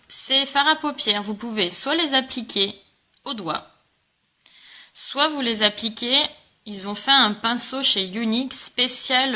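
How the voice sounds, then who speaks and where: A woman's voice: medium pitch, pushed and bright. A woman presenting a casual live makeup tutorial, chatting enthusiastically with viewers and greeting them as she demonstrates. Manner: chatty and enthusiastic, many fillers.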